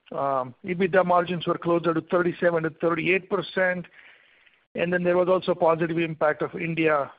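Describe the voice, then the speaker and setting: A man's voice: a little high, dry recording. A male financial analyst asking friendly, methodical questions on an earnings call. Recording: tinny phone line.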